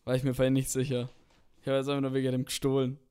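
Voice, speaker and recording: A man's voice: medium pitch, monotone, racing, dark tone, smooth. A man co-hosting a podcast in casual chat, rambling, using slang and swearing. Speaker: podcast co-host.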